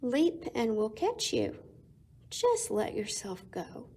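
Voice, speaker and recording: A woman voicing friendly, eager storybook animals who coax a shy friend, loud, cheery and encouraging. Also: fairly high pitch, huge pitch swings, slow, slightly rough, heavily acted. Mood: urgent, encouraging.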